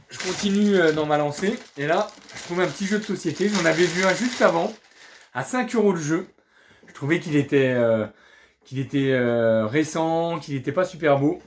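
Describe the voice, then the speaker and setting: A video game collector with a fairly high male voice shows off his flea market finds in a casual vlog, chatty, upbeat and pleased. He sounds hesitant, keeps restarting words, pads with fillers and says "voilà." A little hiss or hum is audible.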